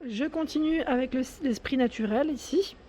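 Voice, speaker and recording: A woman's voice: high-pitched, moderate pace, warm tone, slight background noise. A woman with a French accent chatting enthusiastically as she walks through a store and reads out prices and sizes. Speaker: shopping vlogger. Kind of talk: casual store walkthrough. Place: large home improvement store, indoors.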